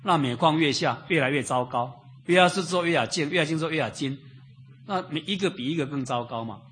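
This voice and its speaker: A man preaching an expository Bible sermon in a conversational way, repeating phrases, asking rhetorical questions and filling pauses with drawn-out interjections. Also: a little high, fairly bright tone, a little hiss or hum.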